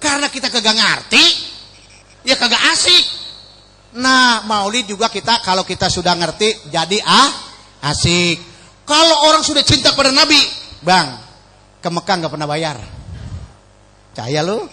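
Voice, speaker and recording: A man's voice: sits high, sing-song, normal speed, long pauses, bright, forceful tone, a little hiss or hum. A man with a Betawi accent preaching a humorous sermon in a mosque, telling slangy, jokey stories. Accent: Betawi (Jakarta). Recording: echoey mosque hall.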